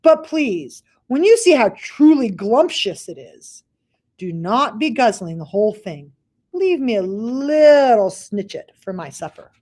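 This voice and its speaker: A woman's voice: on the high side, big pitch swings, unhurried, darkish tone, pitched above the performer's own voice. A woman voicing a kindly old male giant who coaxes earnestly in mangled grammar. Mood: coaxing.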